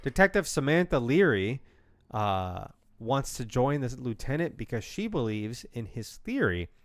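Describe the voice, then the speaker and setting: Chatty young man, lively pitch. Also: measured pace, dry recording, studio quality. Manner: chatty, many fillers, reads plot summary aloud. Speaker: podcast co-host. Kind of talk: casual film-review chat.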